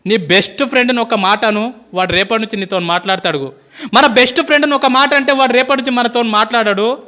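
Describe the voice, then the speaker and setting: Man, teacher, very high voice, fast pleading motivational speech. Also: sharp tone. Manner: impassioned, pleading, calls listeners "boss". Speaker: school teacher.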